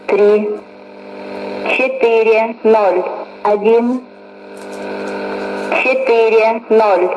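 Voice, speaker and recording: Woman in a flat numbers-station monotone over shortwave static. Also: medium pitch, highs cut off. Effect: numbers station monotone, flat machine-like digit reading. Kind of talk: reading out digit groups. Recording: distant shortwave radio with static.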